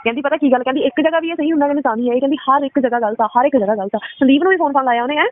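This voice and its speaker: A woman in a heated phone argument, rapidly accusing and retelling what others told her. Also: sits high. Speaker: caller. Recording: tinny phone call recording, faint hiss.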